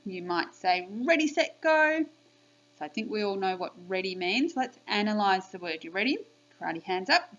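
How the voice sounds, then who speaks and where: A woman teaching young children a spelling lesson on video, sounding out letters and sounds slowly and clearly. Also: medium pitch, lively intonation, fairly bright tone. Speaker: primary school teacher. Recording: slightly dull lo-fi sound.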